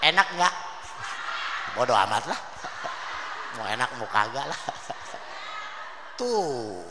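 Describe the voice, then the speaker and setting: A man preaching a humorous sermon, telling stories with lively jokes. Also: fairly high pitch. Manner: animated joking storyteller. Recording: reverberant hall, faint noise.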